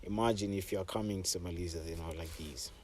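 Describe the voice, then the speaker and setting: A young Zimbabwean man who hosts at a safari camp is interviewed outdoors on a camp deck, relaxed and conversational, telling his story with frequent fillers. His voice sits low and he talks fast, with a little hiss or hum in the audio.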